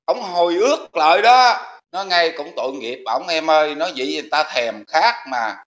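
A man with a Southern Vietnamese accent in casual chat, exclaiming often and full of excitement. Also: a little high, moderate pace, muffled recording. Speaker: vlogger.

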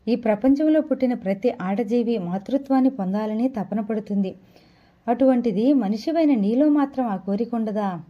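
A woman's voice: on the high side, moderate pace, muffled recording, natural voice. A woman reading the part of a kindly woman doctor who explains things patiently and reassuringly.

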